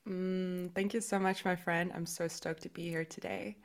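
A woman's voice: on the low side, little pitch movement, normal speed. A woman explaining her work as an interview guest, in informal, reflective, conversational speech. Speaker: podcast guest, astrologer and spiritual guide. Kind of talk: casual explanatory interview talk.

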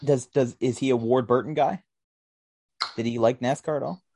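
Dark low-voiced man, dry close sound. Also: steady tone, moderate pace, slightly rough, dry recording. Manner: rambling, many restarts and fillers. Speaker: podcast host. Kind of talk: casual chat.

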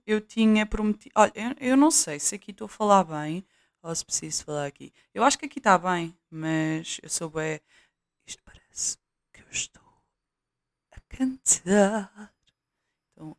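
This young vlogger, who has a European Portuguese accent, talks casually at home while testing a new budget USB mic with shifting placement. She speaks fairly quickly in a fairly low voice, with no echo, and her chat is scattered, full of fillers and false starts.

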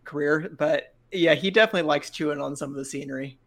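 A man's voice: a little high, quick pace, fairly bright tone. A man co-hosting a casual podcast chat, cracking dry jokes with chuckles. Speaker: podcast co-host.

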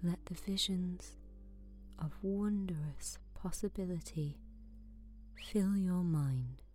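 A woman guiding a sleep meditation in a soft, soothing voice that often drops to a whisper. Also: on the low side, slow, soft background music. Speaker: meditation guide.

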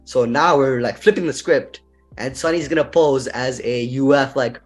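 A young man hosting a podcast in casual chat, laid-back and quick to laugh, with lots of fillers. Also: mid-range voice, soft background music. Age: young adult. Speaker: podcast host.

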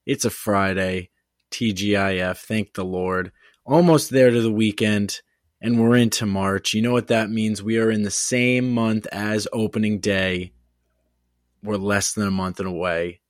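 Guy cohosting a sports podcast, kinda low voice, teases his buddy, swears a lot, dry mic. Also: fairly even intonation, unhurried, no room sound. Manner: teasing, blunt, swears casually. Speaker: podcast co-host. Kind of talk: casual sports podcast chat.

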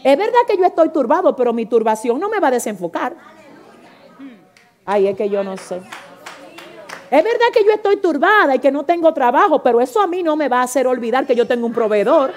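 Woman preacher, high voice, fervent, gets loud then goes soft, keeps asking the crowd if they're following. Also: sing-song, a little fast. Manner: fervent, swings between loud exclamations and soft intimate pleading; calls out to the congregation, asks for responses. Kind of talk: Pentecostal-style sermon.

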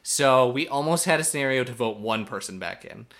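A man's voice: medium pitch, lively intonation, fairly quick, fairly bright tone. A man co-hosting a podcast, recapping a reality show episode in casual, opinionated chat. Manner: opinionated, recaps events with quoted asides. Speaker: podcast co-host.

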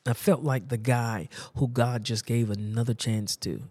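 A man's voice: medium pitch, fairly even intonation, a little slow, darkish tone, slightly rough, no echo, studio quality. A man preaching a sermon, telling a personal story in a conversational, emphatic and repetitive way.

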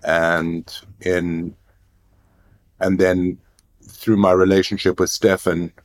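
Man, 60s, born in South Africa, very low voice, measured podcast interview answers. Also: little pitch movement. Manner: measured, plain-spoken, with small restarts. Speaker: guest, art residency founder.

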